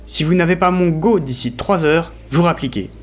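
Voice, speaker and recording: A man voicing a gruff, impatient male lieutenant who barks curt orders, in an audio story. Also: fairly high pitch, normal speed, pitched above the performer's own voice, close to an everyday voice. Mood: commanding.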